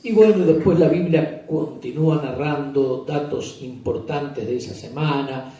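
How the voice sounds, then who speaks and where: Pastor preaching in an echoey church. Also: male voice, mid-range voice, unhurried, dark tone. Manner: storytelling, asks the congregation questions. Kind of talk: sermon. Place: church retreat service. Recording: echoey church hall, distant mic.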